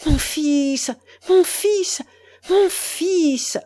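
An anguished aristocratic mother from a storybook novel, as a woman reader puts her on, her voice climbing high and wavering. She pleads in breathless, rising cries. The delivery is slow and full of swings. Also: lively intonation, darkish tone, full character voice. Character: strained aristocratic mother, overwrought noblewoman.

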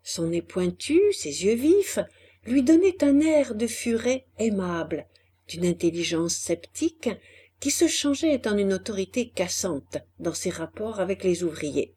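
A woman narrates a classic novel in an audiobook reading. Her voice is husky and breathy, and she takes her time, unhurried and deliberate over each phrase. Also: mid-range voice, animated, warm tone. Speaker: audiobook reader. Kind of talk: scripted literary narration.

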